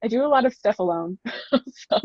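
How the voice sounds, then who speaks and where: A woman's voice: on the high side, lively intonation, fairly quick, darkish tone, dry recording. A woman author being interviewed, chatty and laughing easily, hesitant with ums. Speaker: author guest. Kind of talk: casual interview chat. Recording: slightly muffled dry sound.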